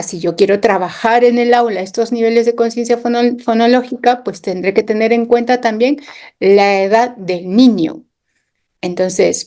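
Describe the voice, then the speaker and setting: Slow, patient woman explaining like a teacher. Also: mid-range voice, darkish tone. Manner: patient teacherly explaining, sounds out examples, frequent "¿no?" tags. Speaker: interview guest, education specialist. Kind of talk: explanatory interview answers.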